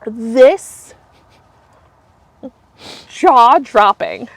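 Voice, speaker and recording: A woman in her thirties with a sick, raspy voice, coughing now and then as she tells a story in casual chat, laughing a lot. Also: fairly high pitch, lively intonation, drawn-out words, no room sound. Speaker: podcast guest.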